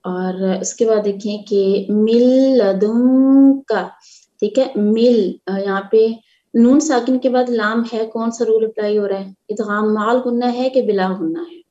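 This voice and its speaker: Woman teaching quran recitation online, slow and patient, keeps repeating sounds, kinda muffled lo-fi audio. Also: medium pitch, steady tone, warm tone. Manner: slow, patient, repeats syllables, asks students questions. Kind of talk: online tajweed lesson.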